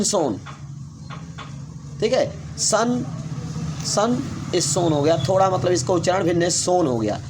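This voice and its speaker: High-voiced man teaching English words. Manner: spells out words letter by letter, repetitive. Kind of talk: classroom lesson explaining words.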